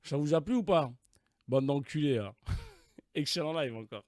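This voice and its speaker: A male livestream host chatting casually, with a voice set a bit high that swings widely. He talks in a teasing, crude way and laughs often. The sound is dry and close. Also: expressive, unhurried, darkish tone, no echo.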